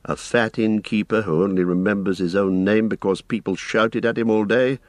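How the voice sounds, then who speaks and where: A man voicing a blunt, grave, commanding ranger in an audiobook, speaking tersely and deliberately. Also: on the low side, steady tone, dry recording, close to an everyday voice. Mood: stern. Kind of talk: audiobook character voice.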